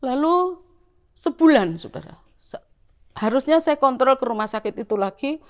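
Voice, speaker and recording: A middle-aged woman with a Javanese-influenced Indonesian accent, telling her church testimony to the congregation in a lively storytelling way. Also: high voice, normal speed. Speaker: church member giving testimony.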